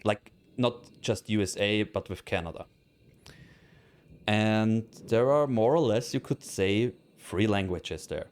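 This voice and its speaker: A let's play streamer, a native German speaker with an Austrian German accent, talks casually with his stream chat during a live gameplay session. His voice is fairly low, darkish, and slow. He sounds hesitant, with lots of fillers and restarts.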